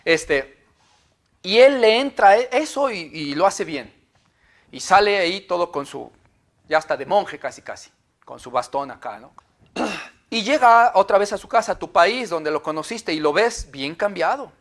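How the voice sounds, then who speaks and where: A male pastor with a Mexican Spanish accent preaching a conversational sermon. He is lively and informal and keeps checking in with tag questions. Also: sits high, measured pace.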